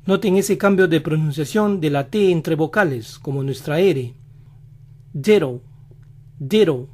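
A man teaching pronunciation in a slow instructional style, repeating each example word several times. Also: fairly high pitch, a little mellow. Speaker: language teacher.

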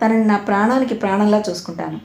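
A man's voice: high-pitched, quick pace, gravelly, a little mellow. A woman voicing an eager young man earnestly asking to marry, read in a storybook narration. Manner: earnest, pleading. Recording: roomy echo.

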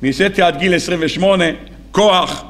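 A man's voice: high voice, lightly acted. A man doing a weary, dismissive old father. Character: dismissive older father, worn-out farmer.

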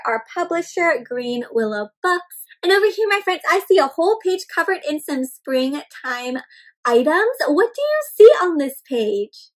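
A young adult woman with a high voice reads a picture book aloud to small children in an indoor room with houseplants. As a read-aloud storyteller she is animated and exaggerated, gasping, stretching words, and often asking questions of the young viewers, whom she treats as friends.

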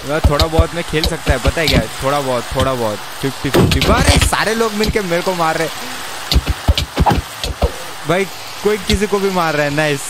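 A young man talking casually on a live game stream, excitable, joking and pleading with the other players. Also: a little high, moderate pace, heavy background noise. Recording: game music playing behind the voice.

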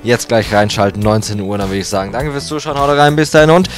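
A man's voice: lowish voice, fast. A young man enthusiastically hosting a casual giveaway announcement to camera, using informal youth slang into a handheld mic. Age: young adult. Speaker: YouTube host. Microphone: handheld microphone held close to the mouth. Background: background music.

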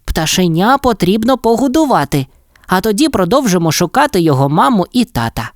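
A woman voicing a curious, cheerful little male mole in a storybook, with bright, excited exclamations. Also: mid-range voice, fairly quick, dry recording, clean studio sound, pitched above the performer's own voice, natural voice. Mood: eager. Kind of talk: storybook voice acting.

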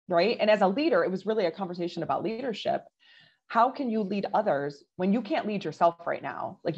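Earnest and emphatic, a leadership coach in her forties speaks in quick bursts as a guest on a podcast interview. Her voice is lowish and a little mellow, with vocal fry and the highs cut off.

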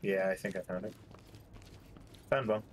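A man playing co-op with a friend, firing off quick, casual callouts that are sometimes excited and crude. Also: low-pitched. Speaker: co-op teammate. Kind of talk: casual gaming chat. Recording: echoey room with loud background noise.

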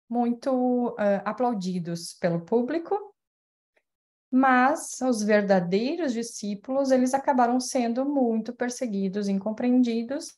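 A woman's voice: on the high side, mellow. A woman gives a public spiritual talk over a video call from home. She explains her points thoughtfully, with many fillers and tag questions. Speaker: speaker at a spiritist center. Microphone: webcam mic on video call.

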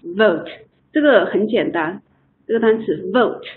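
A woman's voice: medium pitch, lively intonation, a little slow, slight background noise. A woman teaching an online English lesson, patiently explaining and repeating words for her students. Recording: tinny online call audio.

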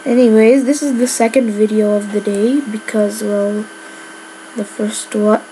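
A woman's voice: mid-range voice, flat delivery, a little slow, warm tone, a little hiss or hum, low-quality recording. A woman giving casual gameplay commentary, rambling with lots of filler words. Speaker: gamer.

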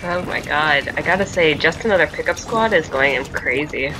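A woman's voice: deep voice, normal speed, rough recording. A woman giving casual esports color commentary, giggly and exclamatory. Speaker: esports co-caster. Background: background music.

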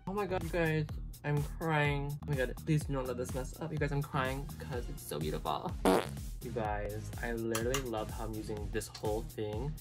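A woman's voice: extremely low pitch, normal speed. A woman filming a makeup tutorial in casual chat, sassy and profane, full of dramatic exclamations. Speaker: makeup vlogger. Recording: music playing underneath.

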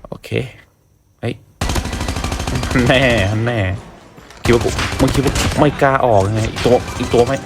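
A man giving casual, excitable commentary while playing a mobile shooter. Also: medium pitch, unhurried, pauses often. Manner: chatty, excitable, polite particles, exclaims at plays. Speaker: gaming YouTuber. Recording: gunfire noise behind voice. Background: game gunfire and sound effects.

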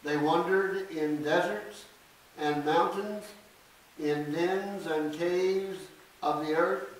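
An older man preaching a sermon at a church podium, reading scripture slowly and deliberately with emphatic stresses. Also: a little high, steady tone. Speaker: pastor. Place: small church sanctuary. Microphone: podium mic from a distance. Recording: echoey church, distant mic, faint hiss.

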